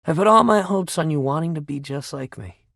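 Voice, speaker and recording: Deflated and apologetic, the sports-mad video game gym buddy speaks briskly in a creaky, heavily acted voice whose pitch jumps around wildly. He uses casual bro slang like an encouraging coach who badly wants to please, captured in a dry, close recording.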